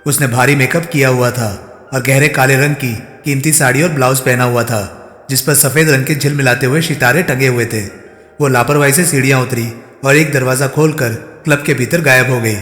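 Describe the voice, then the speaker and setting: A man narrating a crime novel audiobook in a measured, even storytelling manner. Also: medium pitch. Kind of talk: scripted narration. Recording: roomy echo, long reverb.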